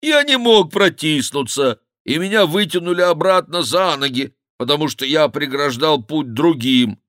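A man voicing a fat, cowardly male monk who wails and pleads loudly, in a high, drawn-out voice in an audiobook. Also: animated, dry recording, clean studio sound. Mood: pleading. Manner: wailing, pleading, loud lamenting.

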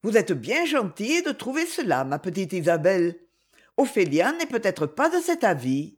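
A gentle, firm middle-aged governess, as a woman reads her in a storybook, her voice a little husky and lifting higher than the narration. She rises and falls with lively pitch. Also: normal speed.

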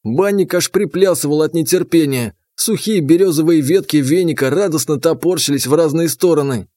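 A man's voice: fairly high pitch, moderate pace, warm tone, dry recording. A man narrating an audiobook in the first person, dry and sardonic.

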